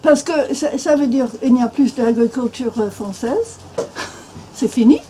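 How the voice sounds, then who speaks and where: Older american woman, english native, stumbling through french, kinda high voice, faint hiss behind. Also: lively intonation, dark tone, poor audio. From Minnesota, USA. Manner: halting, many restarts and fillers. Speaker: author and guest speaker. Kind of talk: panel discussion. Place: bookshop event room.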